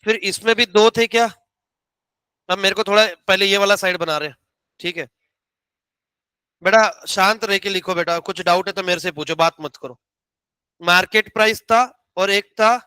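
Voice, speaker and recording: Bright-voiced, teasing teacher. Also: male voice, sits high, clean tone, no room sound. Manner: teasing, calls students beta, drags out key terms. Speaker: economics teacher. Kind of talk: classroom lecture. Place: classroom.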